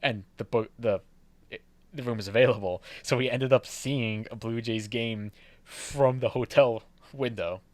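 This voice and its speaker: A man's voice: mid-range voice, measured pace, no echo. A young man co-hosting a podcast, chatting casually, rambling, swearing and laughing often. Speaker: podcast co-host. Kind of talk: casual chat.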